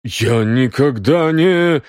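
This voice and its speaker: A man's voice: medium pitch, big pitch swings, takes it slowly, dry recording, clean studio sound. A man playing a trembling, desperate card cheat. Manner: pleading, shaky.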